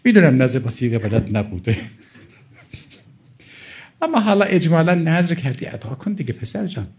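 A man's voice: on the high side, sing-song, darkish tone. A middle-aged male cleric giving a religious sermon, emphatic and pleading as he quotes and explains Arabic texts. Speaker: cleric preacher.

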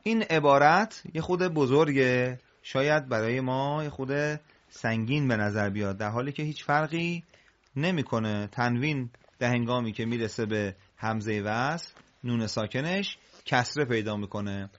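A man leads a recitation class, explaining each rule calmly and praising his students as he goes. He chants the example phrases slowly, his voice rising above its usual mid-range speaking pitch. The recording is muffled and lo-fi. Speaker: Quran recitation teacher.

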